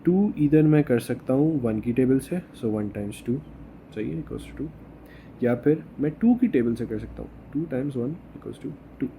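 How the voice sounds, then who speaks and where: A man's voice: medium pitch, lively intonation, a little slow, mellow. A man teaching a math lesson, explaining step by step and often checking with his students. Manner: mixes Hindi and English, checks understanding with "okay?". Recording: faint background noise.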